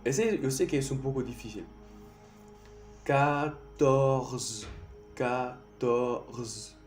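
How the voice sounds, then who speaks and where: A man with a French accent teaching a language lesson, repeating each sound slowly for the learner. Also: mid-range voice, sing-song, warm tone, reverberant, faint music behind.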